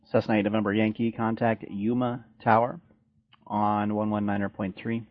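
A man's voice: fairly low pitch, level tone, normal speed, no room sound. A man working as an air traffic controller, speaking in procedural radio style on dull, lo-fi audio.

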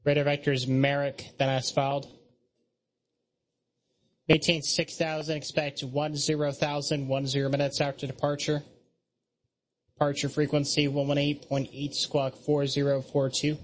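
A man's voice: on the high side, completely flat delivery, moderate pace, rough recording. A man working as an air traffic controller, giving procedural radio instructions.

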